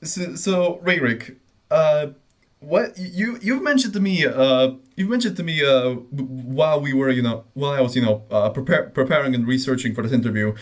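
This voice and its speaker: A man's voice: mid-range voice, normal speed. A man interviewing a musician, English not his first language, hesitant with many fillers. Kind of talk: casual interview.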